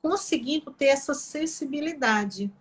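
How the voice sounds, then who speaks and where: A woman's voice: high voice, animated, measured pace. A middle-aged woman from Pará, Brazil, a guest on a live chat, talking earnestly about training her own voice. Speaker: guest, court employee and therapist. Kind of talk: casual chat on an online live.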